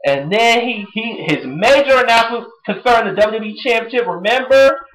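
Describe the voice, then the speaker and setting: A fan vlogger recapping a wrestling episode in a casual, gushing way, full of fan slang. Their pitch is lively and swings widely. Now and then they break into a bit of song or a quick impression. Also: poor audio. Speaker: wrestling show reviewer.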